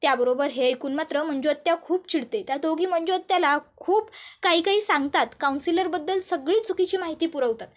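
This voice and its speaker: A woman's voice: high voice, a little fast. A woman narrating a recap of a serial episode, retelling what each character says. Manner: storytelling, retelling each line.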